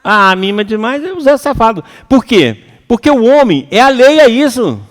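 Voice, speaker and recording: A man with a Brazilian Portuguese accent giving a lively, colloquial seminar lecture to an audience. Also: very high-pitched, moderate pace. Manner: animated and colloquial, acts out quoted voices. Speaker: seminar speaker. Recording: reverberant hall.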